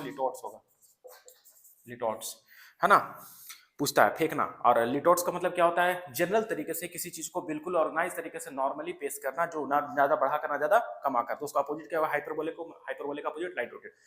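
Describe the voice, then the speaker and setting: An exam prep teacher delivers a coaching lecture, talking fast in a fairly high, slightly bright voice. He repeats key terms and keeps checking in with students using "है ना" and "clear", and the sound is roomy.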